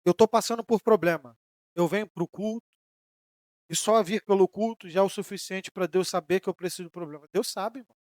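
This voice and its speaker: A Brazilian man preaching a sermon as pastor, rising in emphatic bursts and then dropping soft, sometimes voicing the questions of his listeners. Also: sits high, fairly even intonation, brisk, no room sound, clean studio sound. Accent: Brazilian Portuguese. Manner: preaching with emphatic rises and sudden soft drops; voices imagined questions from listeners.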